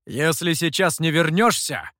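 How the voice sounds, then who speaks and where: A man as a stern, menacing dark master. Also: a little high, expressive, normal speed, no echo, clean studio sound. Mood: irritated. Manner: stern, threatening.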